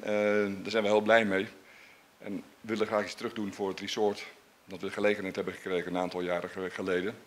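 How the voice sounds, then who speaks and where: A man's voice: on the low side, slight background noise. A man, a shop owner, giving an informal, unscripted speech of thanks. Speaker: gift shop owner and donor.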